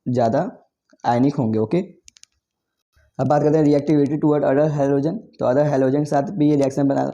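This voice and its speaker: A man's voice: medium pitch, fairly even intonation, moderate pace, dark tone, highs cut off. A man teaching chemistry for an exam, explaining step by step with many repeats and self-corrections. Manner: repetitive, self-correcting explanation with frequent 'theek' and 'okay'. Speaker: chemistry tutor. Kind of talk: exam-prep lecture.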